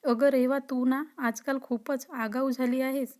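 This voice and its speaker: A woman's voice: high voice, steady tone, a little slow, a little mellow. Shy flustered college girl, read by a woman. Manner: defensive, mildly scolding.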